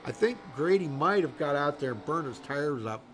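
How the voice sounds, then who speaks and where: Guy calling a stock car race, kinda high voice, rambly and folksy, lots of uhs, faint engines behind. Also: expressive, moderate pace, fairly bright tone, slight background noise. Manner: rambling, folksy, many fillers. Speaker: race commentator. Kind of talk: live motorsport commentary. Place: commentary booth at a racetrack.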